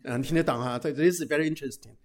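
A middle-aged man, a pastor, giving a humorous sermon, telling lively anecdotes peppered with casual tag particles and English phrases. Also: fairly high pitch, very fast. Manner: lively storytelling with frequent "哈" tags and English phrases.

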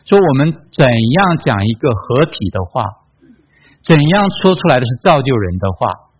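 Heard through lo-fi audio with some hiss or hum, a medium-pitched man leads a Bible study conversationally. He reads passages of scripture aloud, puts questions to his listeners, and fills his talk with tag questions and fillers.

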